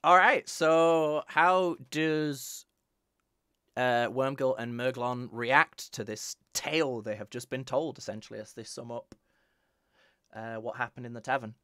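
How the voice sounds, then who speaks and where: A man narrates a tabletop game as its dungeon master. He is relaxed and playful, and his voice sits close to a dry mic. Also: medium pitch, measured pace, clean tone, no echo. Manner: chatty, laughing, playful.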